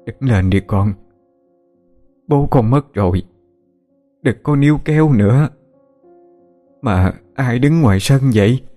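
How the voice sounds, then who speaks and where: A man's voice: medium pitch, expressive, slow pace, long pauses, warm tone, soft background music, voice pushed up. A man voicing a frail, half-blind old village mother who speaks in a trembling, tearful, pleading way. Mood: gentle grief. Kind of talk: audiobook character voice.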